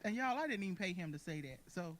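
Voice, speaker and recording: A woman in her forties, a singer and caregiver, chatting as an interview guest from a recording studio over a video call, animated and colloquial. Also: fairly low pitch, fast. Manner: expressive, animated, warm-hearted talk with colloquial phrasing. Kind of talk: casual interview talk.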